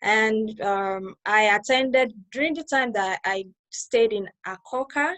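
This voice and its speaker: Interviewed over a video call, a new church member from Lagos explains her experience conversationally in a Nigerian accent, often circling back to clarify. She speaks slowly in a voice on the high side with a fairly bright tone.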